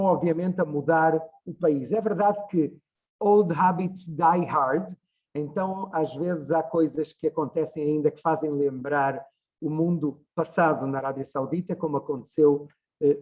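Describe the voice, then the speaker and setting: Guy in his 60s, journalist giving an online talk, highish voice, hesitant, lots of ums. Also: a little mellow, husky. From Portugal. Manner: discursive, frequent hesitations. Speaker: guest lecturer, journalist. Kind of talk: online open lecture. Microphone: video call.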